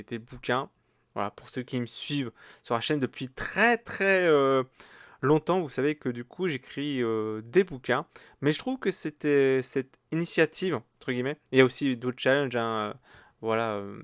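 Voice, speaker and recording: Rambling podcaster, dry sound. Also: male voice, medium pitch, smooth, dry recording. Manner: rambling, many fillers and restarts. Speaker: podcast host. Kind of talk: casual solo podcast chat.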